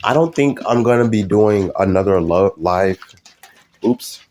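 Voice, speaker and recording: A man's voice: lowish voice, expressive, a little slow, darkish tone. A young man live streaming, talking casually to his viewers in a rambling, hesitant way with many fillers and restarts.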